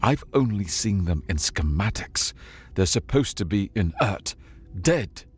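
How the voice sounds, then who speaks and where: A man's voice: very animated, unhurried, husky, exaggerated voice. A man voicing a tough, terse female scavenger with a rifle in a sci-fi audiobook. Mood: cool. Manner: terse, low and guarded.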